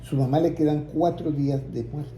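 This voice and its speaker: A man's voice: a little high, steady tone, moderate pace, mellow, a little hiss or hum. A man preaching a testimony, telling his story and acting out the voices in it, building to emphatic peaks. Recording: roomy echo, faint ambience.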